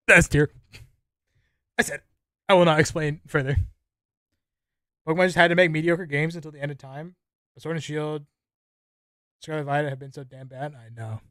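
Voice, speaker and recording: A young man streaming, reacting to videos with excitable, slangy commentary and talking to his chat. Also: a little high, normal speed, pauses often, dry recording, clean studio sound.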